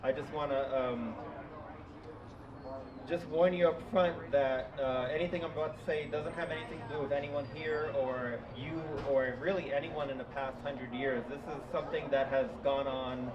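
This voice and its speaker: A man's voice: mid-range voice, fairly even intonation, normal speed, a crowd in the background. A man from New York City giving a casual live talk, loose and self-deprecating, leaning on his notes. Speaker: guest speaker. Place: live event venue. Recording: dull, distant, echoey, noisy hall.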